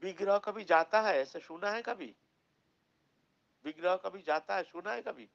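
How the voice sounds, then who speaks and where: A man voicing a gentle, teasing male deity who speaks in soft, measured commands. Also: high-pitched, creaky, muffled recording, heavily acted.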